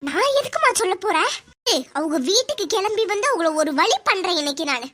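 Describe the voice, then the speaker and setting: A woman with a Thoothukudi accent voicing a fiery, quick-tempered middle-aged mother-in-law in a cartoon. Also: very high voice, very animated, slight background noise, exaggerated voice. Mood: angry. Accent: Thoothukudi Tamil. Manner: shouting, scornful. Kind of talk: cartoon voice acting.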